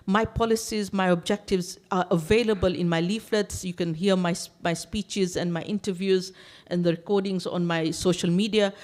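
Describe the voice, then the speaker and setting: A woman's voice: fairly low pitch, darkish tone. Emphatic woman giving a campaign speech. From Tanzania. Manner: emphatic, piles up lists and repeats words when stressing a point. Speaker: election candidate. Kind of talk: campaign speech to a seniors' gathering. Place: community main hall.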